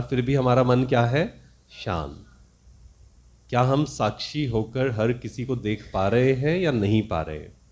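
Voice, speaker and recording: A man's voice: fairly low pitch, darkish tone. A man giving a spiritual discourse, teaching reflectively and asking his listeners questions.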